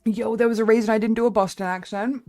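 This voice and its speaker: A woman's voice: on the high side, fairly even intonation, fast, warm tone, faint music behind. A young woman streamer chatting casually with her viewers, rambling and swearing freely.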